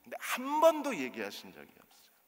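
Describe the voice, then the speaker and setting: A male pastor preaching a sermon to his congregation, animated and throwing rhetorical questions to them. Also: very high-pitched, brisk. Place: church sanctuary. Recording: long church reverb.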